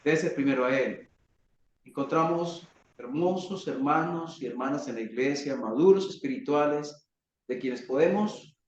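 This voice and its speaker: Colombian male preacher, high slow voice, dramatic rhetorical sermon, echoey dull church recording. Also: distant mic, slight background noise. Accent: Colombian Spanish. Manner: dramatic, rhetorical questions, acts out cries.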